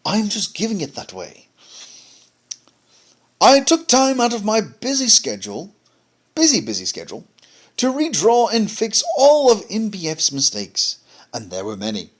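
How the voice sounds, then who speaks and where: Man doing a prissy, high, smug gent with a swooping mock-refined delivery. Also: heavily acted. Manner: mock-refined, sing-song, sarcastic.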